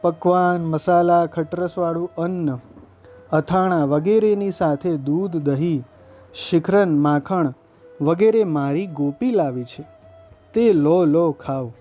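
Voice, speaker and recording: Man reading a playful young divine cowherd, soft coaxing tone, mellow voice, faint music behind. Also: fairly high pitch, slow pace. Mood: cheerful.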